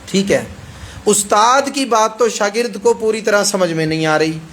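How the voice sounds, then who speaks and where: A man's voice: sits high, a bit bright, a little hiss or hum. A male preacher with a Pakistani Urdu accent gives a hadith sermon in an emphatic way, repeating phrases and checking that the audience agrees.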